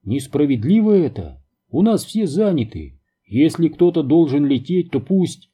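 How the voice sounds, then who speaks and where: A man doing a chatty excited young woman. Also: high-pitched, measured pace, husky, voice pushed up, full character voice. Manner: breathless, insistent gossiping.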